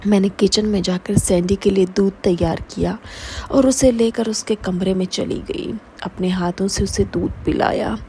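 A woman telling a first-person story in a hushed, often half-whispered voice with a gravelly quality. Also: medium pitch, slight background noise, low-quality recording.

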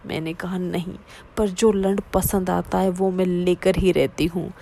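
A woman reading a first-person story aloud in a steady, low-key way. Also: measured pace, vocal fry. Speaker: narrator.

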